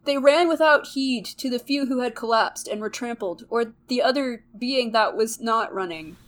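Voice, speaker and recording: A woman's voice: fairly high pitch, moderate pace, fairly bright tone, slight background noise. A young woman reading an old story aloud in a mock-dramatic way, breaking into giggles.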